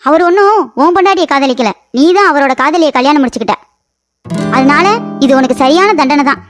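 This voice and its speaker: A sharp-tongued young queen from a cartoon story, as a woman plays her. Her voice is very high and races along at a fast clip, with light music underneath. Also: natural voice. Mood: scolding. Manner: quick, scolding.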